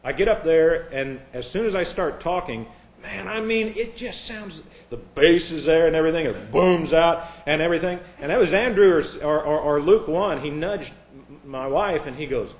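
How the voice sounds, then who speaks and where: Preaching in a sanctuary with plenty of echo, a pastor from Indiana speaks animatedly at a moderate pace, his pitch sitting a bit high for a man. He treats listeners like old friends, wandering into asides and jokes at his own expense, and reads scripture in a lifted, formal voice.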